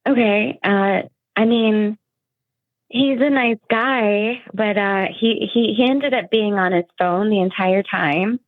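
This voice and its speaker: A woman's voice: medium pitch, slow pace, no room sound, narrow, tinny audio. A woman heard over the phone on a radio call, hesitant and full of fillers. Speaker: caller reached by phone. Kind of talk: casual phone conversation.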